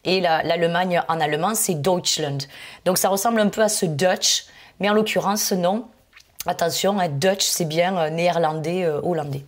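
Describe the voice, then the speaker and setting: A woman with a fairly low voice gives an online English lesson. She explains patiently and fills pauses with hesitant fillers. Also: fairly even intonation. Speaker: English teacher.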